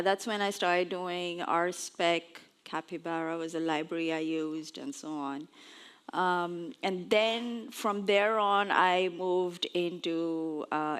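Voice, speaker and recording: A woman's voice: on the low side, clear, resonant tone. A woman in her forties, originally from Pakistan, giving a conference talk on stage in a chatty, lightly self-mocking way. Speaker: conference speaker. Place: on stage before an audience.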